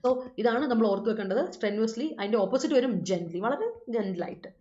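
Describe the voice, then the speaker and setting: A woman's voice: fairly high pitch, expressive, brisk, mellow. Woman, vocabulary teacher, mixes two languages and corrects students' sentences aloud. Echoey room, muffled sound. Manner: mixes Malayalam and English, reads students' comments aloud and corrects them; repeats reminders to remember. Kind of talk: live online class explaining English words. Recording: roomy, dull-sounding room recording.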